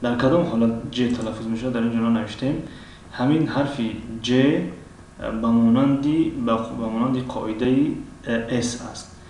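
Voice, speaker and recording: A man with a Tajik accent teaches in a measured, hesitant way, stretching his fillers and saying each example word more than once. His voice sits at an ordinary middle pitch. He is recorded from a distance in a very echoey room with a faint hiss behind him. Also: darkish tone. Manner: hesitant, with many drawn-out fillers and frequent throat-clearing. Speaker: English teacher. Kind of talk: language lesson.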